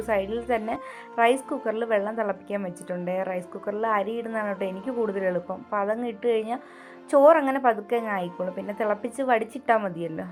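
A young Malayali woman narrating her Sunday at home in a chatty voice-over, often adding little tag questions. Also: medium pitch. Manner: chatty, keeps adding "കേട്ടോ". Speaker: home vlogger, mother.

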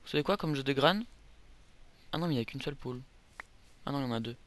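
Talking fast and animatedly in a slightly bright, mid-range voice, a young gameplay commentator rambles through a casual let's play. He keeps tossing in jokey asides that poke fun at himself.

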